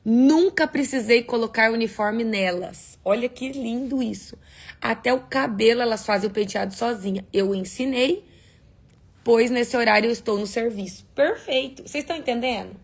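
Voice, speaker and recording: A woman's voice: fairly high pitch, moderate pace, creaky. A woman preaching on a prayer livestream, emphatic and asking her viewers rhetorical questions.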